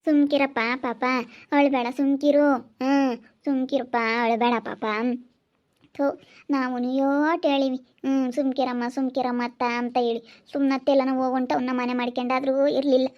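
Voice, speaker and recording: A woman's voice: sits high, level tone, normal speed, dull audio, close to an everyday voice. A woman with a rural Chitradurga Kannada accent playing an older village mother who coaxes and soothes with repeated pleas in a village family drama. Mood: consoling. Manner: coaxing, repetitive soothing.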